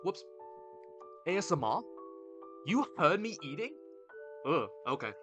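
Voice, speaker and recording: A man's voice: a little high, very animated, measured pace, music in the background. A young man live-streaming, casually reading chat aloud and bantering back in a slangy, laid-back way on a desk mic. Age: young adult.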